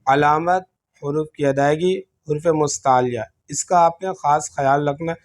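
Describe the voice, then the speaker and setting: A man teaching Arabic letters for Quran reading, explaining patiently step by step and often clearing his throat. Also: fairly high pitch, darkish tone. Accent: Pakistani Urdu. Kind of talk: slow classroom-style letter teaching.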